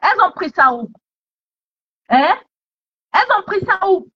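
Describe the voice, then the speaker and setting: Over dull, lo-fi audio, a woman delivers heated social media commentary, scolding someone with a string of taunting questions. Her voice is very high, swings widely in pitch, and keeps a measured pace.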